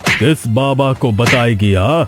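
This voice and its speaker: A man voicing a stern, commanding male sadhu in a cartoon, giving slow, threatening orders. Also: medium pitch, loud music behind the voice, lightly acted. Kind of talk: cartoon voice acting.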